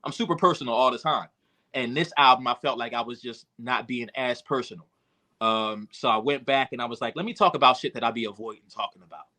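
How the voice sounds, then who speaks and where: Reflective man, bright forceful voice. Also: medium pitch, quick pace. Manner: emotional, reflective, many fillers and restarts. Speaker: podcast guest, rapper and producer. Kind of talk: candid conversational storytelling.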